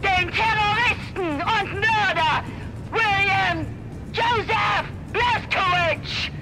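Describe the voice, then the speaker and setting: A cruel, domineering general in a video game. Her very high voice is drawn out and barking, heard at a distance over rumbling noise. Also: very animated, unhurried, roomy sound, crowd noise, exaggerated voice. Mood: proclaiming. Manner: taunting, barking, theatrical. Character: cruel, sadistic, domineering female military general. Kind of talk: German video game dub acting. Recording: distant, noisy, vehicle-like rumble.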